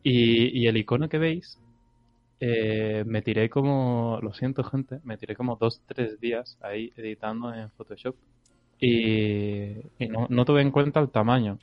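A man's voice: medium pitch, fairly even intonation, a little slow. Mumbly guy, dull lo-fi mic. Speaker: podcast co-host. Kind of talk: casual chat.

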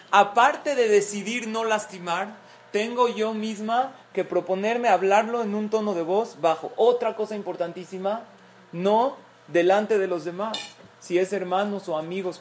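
Speaking to a group of mothers, a middle-aged parenting class speaker explains her points and acts out example quotes. She has a mid-range, slightly mellow voice, with a little hiss or hum in the audio.

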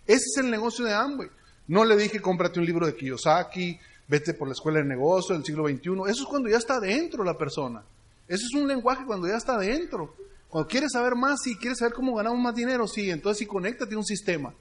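High-voiced Mexican man giving a seminar. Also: animated, quick pace. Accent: Mexican Spanish. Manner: storytelling that keeps checking in with the audience. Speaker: business leadership speaker. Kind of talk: motivational seminar talk.

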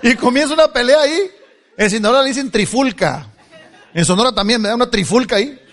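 A man's voice: very high-pitched, animated, a little fast. A middle-aged man telling a humorous life story to a live audience, joking and laughing as he goes. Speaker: speaker giving a testimony. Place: stage before an audience.

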